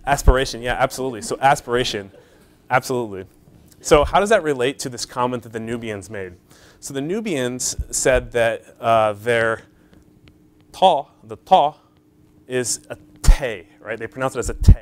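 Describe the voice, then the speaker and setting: A man's voice: mid-range voice, a little fast. Man lecturing, checks in with "right?". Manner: explains step by step, checks in with "right?" and "okay?"; frequent fillers, engages the audience. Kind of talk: academic conference talk.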